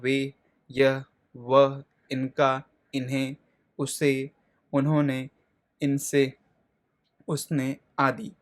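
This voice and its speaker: Man teaching a grammar class. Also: on the high side. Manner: repeats questions and answers them himself, checks in often; slows down to spell out word lists. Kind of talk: grammar lesson.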